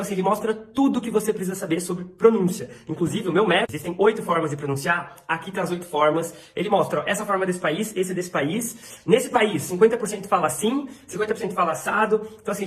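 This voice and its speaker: A young Brazilian man teaching English pronunciation in a casual video lesson, rattling off terms quickly with fillers. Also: high voice, reverberant.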